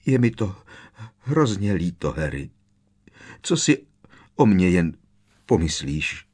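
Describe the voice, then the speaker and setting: A man's voice: fairly low pitch, big pitch swings, vocal fry, exaggerated voice. A man voicing a distraught middle-aged mother witch who sobs, stammers and gasps for breath in an audiobook reading. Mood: sobbing.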